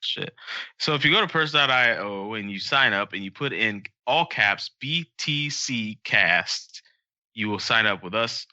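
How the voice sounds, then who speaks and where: A man hosting a podcast in easy, rambling chat, peppered with ums. His voice is low and very bright, recorded dry and close with a slightly dull, lo-fi sound. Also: moderate pace, no echo. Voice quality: frequent ums, loose rambling delivery. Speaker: podcast host.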